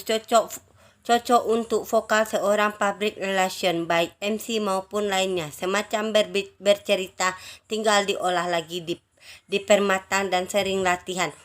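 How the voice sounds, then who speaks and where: A woman reading out a judge's feedback one entrant at a time, each remark a short item in a steady, listed rhythm. She stays at a medium pitch and slips into small restarts now and then before going on. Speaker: announcer for a writing community's contest.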